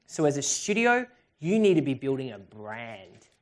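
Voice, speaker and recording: A woman's voice: rumbling low, very animated, moderate pace. A woman presenting at a live seminar and answering audience questions in an upbeat, chatty way. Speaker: workshop presenter. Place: event hall with audience.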